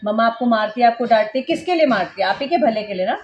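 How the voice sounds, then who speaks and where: Mom vlogger at home, a bit high voice, firm and lecturing, tells off her kid. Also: animated, quick pace, lo-fi sound. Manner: emphatic and lecturing, with scolding asides to her child. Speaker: mother and homemaker vlogger. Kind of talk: casual vlog talking to camera. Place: indoors at home.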